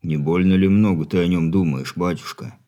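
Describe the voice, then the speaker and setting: A man's voice: deep voice, normal speed, warm tone, dull audio, pitched below the performer's own voice, close to an everyday voice. A man reading an audiobook, voicing an older grandfather who speaks earnestly and subdued. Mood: troubled.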